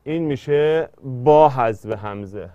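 A man's voice: medium pitch, dark tone, muffled recording. A man teaching an exam-prep poetry lesson, explaining step by step and drawing out syllables when he scans verse.

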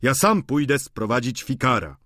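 A man's voice: mid-range voice, sing-song, normal speed, fairly bright tone, no room sound, clean studio sound, pitched above the performer's own voice. A man voicing a boisterous middle-aged lodger who talks in a hearty, teasing, playful way.

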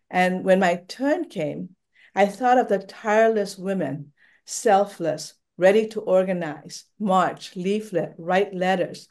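An older woman from Thailand speaking on a webinar from her home over a video call, telling her personal story in a measured, reflective way. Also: fairly low pitch, darkish tone. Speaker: panelist. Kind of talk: prepared personal remarks on a webinar. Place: home room, indoors.

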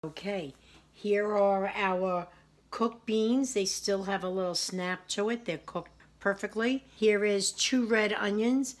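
A woman in her forties hosts a casual home cooking video, preparing a salad in her kitchen and chatting in a homey way while tasting and praising it as she goes. Her voice is medium-pitched and slow, picked up by a camera on the counter at arm's length.

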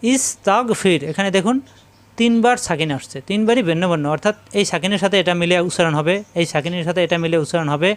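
A male Quran reading teacher giving a step-by-step spelling lesson with a Bangladeshi Bengali accent, slowly drilling syllables and repeating them. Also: high voice. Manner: slow, repetitive syllable drilling.

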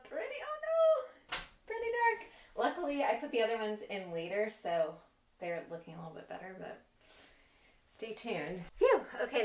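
Upbeat young woman vlogging in a roomy kitchen. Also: medium pitch. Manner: chatty, upbeat talk to camera. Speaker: host. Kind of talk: casual cooking vlog. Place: home kitchen.

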